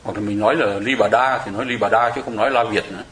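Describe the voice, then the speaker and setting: A man's voice: fairly low pitch, fairly even intonation, racing, a bit bright, a little hiss or hum. A man giving a chatty, explanatory Buddhist sutra lecture to a congregation, with small laughs now and then. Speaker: Buddhist dharma teacher. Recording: echoey room.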